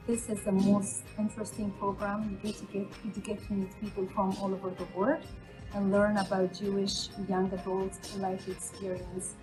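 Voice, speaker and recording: Flat-voiced woman in a testimonial. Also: mid-range voice, rough recording. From Ethiopia, raised in Israel. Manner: measured, slightly hesitant. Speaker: community board member. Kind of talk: recorded testimonial.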